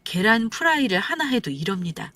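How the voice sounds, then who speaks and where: A woman telling a first-person story in a calm, even, slightly aggrieved way. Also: on the high side, fairly quick, dry recording.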